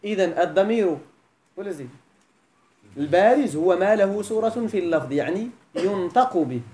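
A woman's voice: fairly low pitch, lively intonation, moderate pace, dark tone. A woman with a Moroccan Arabic accent teaching a classroom grammar lesson, often quizzing her students with questions.

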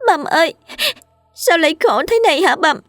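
A woman's voice: very high voice, very animated, normal speed, a bit bright, dry recording, studio quality, soft background music, pitched above the performer's own voice, heavily acted. A woman voicing a fourteen-year-old village girl who wails and sobs in grief. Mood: wailing. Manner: wailing, sobbing cries.

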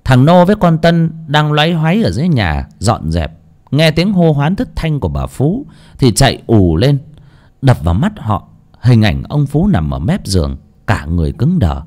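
Expressive male audiobook narrator. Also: medium pitch, moderate pace. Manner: expressive, dramatic storytelling. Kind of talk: dramatic story narration.

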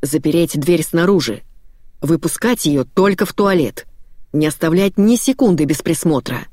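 An ice-cold, threatening father barks curt commands in a dark audiobook story, as the narrator puts him on. The orders come short and flat, with no warmth at all. The sound is dry and close, with no room around it. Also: mid-range voice, normal speed, dry recording, natural voice. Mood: commanding. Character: cold, menacing middle-aged father.

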